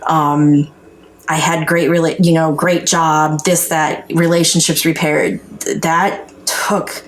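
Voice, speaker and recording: A woman with a North Dakota accent, a podcast guest, shares her recovery story in a casual chat, speaking frankly and earnestly with some salty language. Her voice is low-pitched, her delivery flat, and her pace slow.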